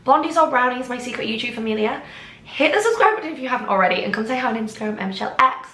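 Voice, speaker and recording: A bubbly English woman in her twenties rambles to camera in her home kitchen, saying "like" and "oh my gosh" a lot. Her voice is a little high, animated, racing, pushed and bright, and she sounds a bit snuffly and congested. The room is echoey.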